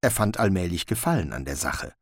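A man narrating an audiobook in a slow, expressive reading. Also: low-pitched, no echo, clean studio sound.

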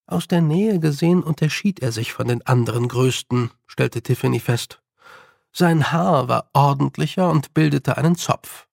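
A man narrating a storybook in a calm, unhurried reading style. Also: medium pitch, creaky, dry recording, clean studio sound. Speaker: audiobook narrator. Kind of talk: scripted narration.

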